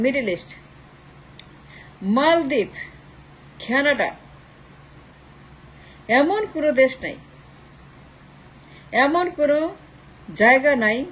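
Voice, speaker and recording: High-voiced woman in fiery commentary. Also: measured pace, long pauses, slight background noise, rough recording. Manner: rhetorical, piles up long lists of short phrases; slips English phrases into her talk. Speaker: political commentator. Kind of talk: impassioned political commentary monologue.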